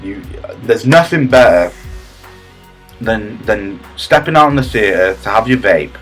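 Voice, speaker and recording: A man giving a deadpan parody comedy tutorial, smug and rambling, with halting restarts and a husky voice. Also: lowish voice, faint music behind.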